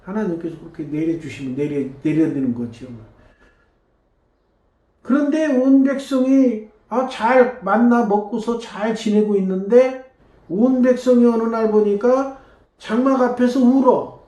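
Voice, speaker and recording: Brief: male pastor, chatty sermon delivery, mellow dark voice, echoey church. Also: high voice, lively intonation, a little slow. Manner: conversational, tags lines with rhetorical "eh?".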